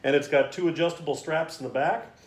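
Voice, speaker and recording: A choir director reviews a singer's mask while wearing it, so his slightly high, brisk voice comes through a face mask. He chats in a friendly, hesitant way, full of ums and uhs, in a casual product review recorded in an echoey room.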